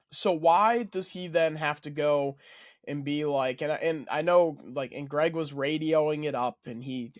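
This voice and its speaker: A man's voice: mid-range voice, dry recording, studio quality. A man co-hosting a sports podcast, ranting heatedly in casual chat and swearing freely. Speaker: podcast co-host.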